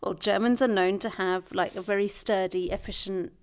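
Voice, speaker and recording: A woman's voice: medium pitch, fairly even intonation, moderate pace. A young British woman in casual conversation, chatty and playful, often restarting her sentences. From Britain. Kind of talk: casual chat.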